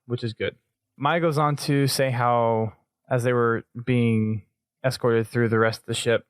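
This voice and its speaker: A man co-hosts a podcast and walks through an episode in easy, casual talk. He pauses and restarts his sentences as he thinks. His voice sits at a middle pitch, recorded close and dry. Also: no echo. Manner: halting, restarts often while summarizing. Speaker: podcast co-host. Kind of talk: casual recap discussion.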